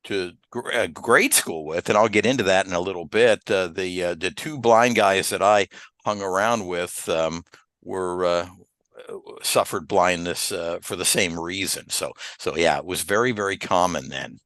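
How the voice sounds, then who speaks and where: A man in his seventies from the Philadelphia area, telling his life story as a podcast guest at an unhurried pace with many "uh" pauses. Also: deep voice, fairly bright tone, dry recording. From Philadelphia area, USA. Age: 70s. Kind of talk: relaxed interview storytelling.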